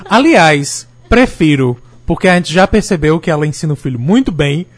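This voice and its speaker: A man's voice: a little high, animated, moderate pace. A man chatting on a podcast panel, joking and laughing often between lines. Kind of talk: casual chat.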